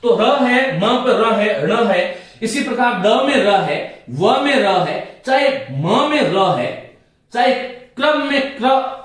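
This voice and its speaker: A man teaching Hindi grammar in a classroom lecture, explaining step by step and repeating his points to the students. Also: high voice. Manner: repetitive, explaining step by step and addressing students as friends. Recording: echoey room, voice from a distance.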